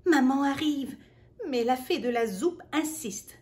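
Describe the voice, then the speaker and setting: A woman reading a picture book aloud to a child, gentle and playful, dropping into soft whispered asides. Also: sits high, measured pace. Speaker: children's storyteller.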